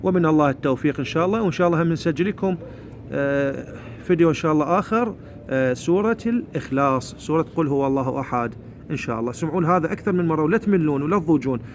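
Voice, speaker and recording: A man's voice: fairly high pitch, expressive, a little hiss or hum. Iraqi man teaching Quran recitation. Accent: Iraqi Arabic. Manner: explains plainly, then recites each verse slowly. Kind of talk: spoken tajweed lesson.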